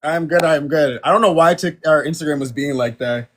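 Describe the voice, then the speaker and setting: A young man in his twenties, with a slightly high-pitched voice, is a guest on a dating show. He joins through a video call and chats in an easygoing, playful way. He laughs easily. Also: fairly quick. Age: 20s. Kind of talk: casual interview chat.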